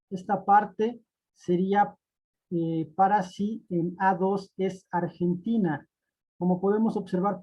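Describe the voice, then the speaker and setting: A man narrating a screen-recorded spreadsheet tutorial, methodical and step-by-step, often repeating points. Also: high voice. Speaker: spreadsheet instructor. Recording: dull lo-fi recording.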